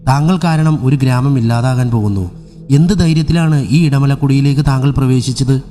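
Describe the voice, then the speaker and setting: A stern servant of a holy sorcerer , voiced by the narrator in a lower register, scolds with grave authority. The voice sits deep, dark and mellow. Faint music lingers behind the horror tale. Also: male voice, normal speed, long reverb tail, lightly acted. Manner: stern, reproachful.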